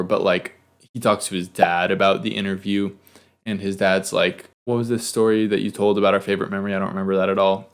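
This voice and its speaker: A young man hosting a casual TV recap on his own, chatty and loose, with quick asides. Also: on the low side, creaky. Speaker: TV recap host. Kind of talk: casual solo episode recap.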